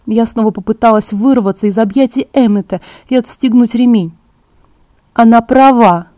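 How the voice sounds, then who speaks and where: A woman narrating an audiobook in a steady first-person storytelling manner. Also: a little high, fairly quick, no room sound. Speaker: audiobook reader.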